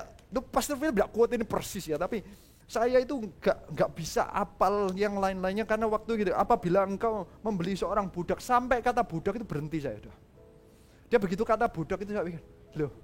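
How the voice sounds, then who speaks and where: With a high voice, a male pastor livens up his sermon with a casual story, performing the quoted lines and slipping in English phrases.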